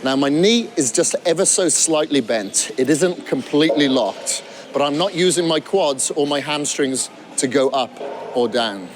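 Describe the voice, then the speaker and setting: A man's voice: fairly high pitch, animated, moderate pace, a crowd in the background. A man coaching beginners through a gym workout, talking while he demonstrates exercises and sometimes out of breath. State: out of breath at times. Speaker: fitness trainer.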